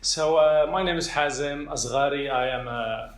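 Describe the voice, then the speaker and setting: A man's voice: on the high side, moderate pace. A young man from Morocco, a PhD student, giving an informal talk to an audience, hesitant with many fillers and a self-deprecating manner. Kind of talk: informal lecture. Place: lecture room with an audience. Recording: echoey room, faint ambient noise.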